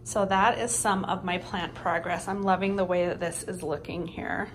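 A woman's voice: on the low side, steady tone, normal speed, slight background noise. A woman in her thirties narrating a casual home vlog, chatty and upbeat with frequent ums. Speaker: vlogger.

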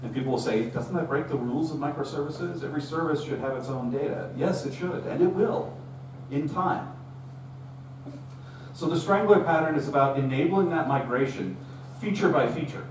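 A middle-aged man gives a technical talk at a meetup in a conversational, storytelling style, acting out quoted dialogue. His voice is on the high side at a normal speed, captured by a far-off camera in a roomy, distant recording with a faint hum.

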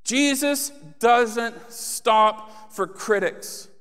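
This pastor's voice is extremely high, a bit bright and smooth, and he speaks very slowly. Holding a mic on a church stage, the man in his thirties preaches with passion that builds to emphatic exhortation, with long hall reverb throughout.

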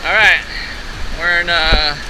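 A man in his fifties filming himself on a jungle hike, casual and excited, recorded outdoors on an action camera. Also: on the high side, heavy background noise. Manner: excited, exclaiming, slow talk. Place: outdoors in a jungle valley by a stream. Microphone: action camera on a selfie stick.

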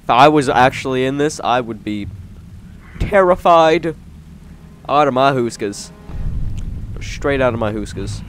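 A man hosting a gaming channel, giving jokey, excitable let's play commentary and talking to himself. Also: medium pitch, normal speed, faint music behind.

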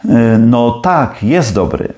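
A man's voice: mid-range voice, lively intonation, slow pace, darkish tone. A man doing a nervous young student. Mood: hesitant. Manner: hesitant, deferential.

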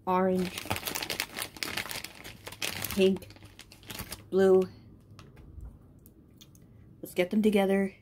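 A young woman talks casually to the camera in a small bedroom while eating sour candy. Her voice sits at a middling pitch, and she speaks in short remarks between bites, recorded at about arm's length. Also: flat delivery, very slow, pauses often, mellow, a little hiss or hum. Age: young adult. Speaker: vlogger.

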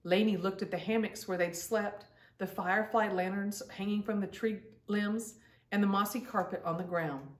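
A middle-aged woman hosts storytime, reading a children's story aloud at a normal speed in a mid-range voice with fairly even intonation. Recorded in an indoor room at home with a distant mic, it sounds roomy.

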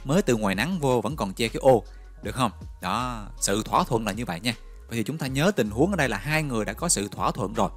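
A man's voice: mid-range voice, quick pace, soft background music. A man teaching English vocabulary, telling little memory stories and checking in with questions. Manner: lively, storytelling, coaxing with questions.

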